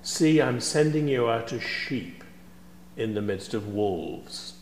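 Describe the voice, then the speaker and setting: An older man, a priest, preaching a measured, scholarly sermon in a large church sanctuary, filmed by a fixed camera at a distance. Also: medium pitch, lively intonation, slight background noise. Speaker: supply priest. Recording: echoey church with long reverb.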